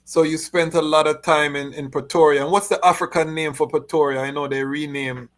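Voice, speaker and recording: A man hosts a podcast interview and asks his questions in a relaxed, conversational way. He uses Rasta phrasing throughout, at an ordinary pitch for a man. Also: brisk. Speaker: podcast host.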